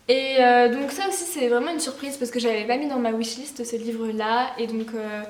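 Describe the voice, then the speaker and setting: A woman's voice: a little high, distant mic. Bubbly teenage girl vlogging in an echoey room. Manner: bubbly, rambling, many fillers and restarts. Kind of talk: casual gift haul vlog.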